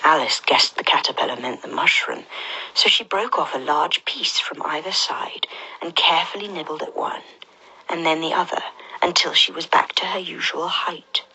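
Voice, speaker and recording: A woman telling a storybook tale in a soft, half-whispered and gentle narration. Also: sits low, normal speed, breathy edge, poor audio.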